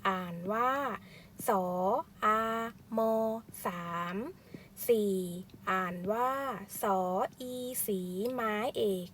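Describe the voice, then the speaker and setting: A female primary teacher reads aloud one syllable at a time at an extremely slow, deliberate pace. She spells out sounds for young learners in a plain, mid-pitched voice. Faint noise hums behind her. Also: fairly bright tone. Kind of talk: slow word-by-word reading lesson for first graders.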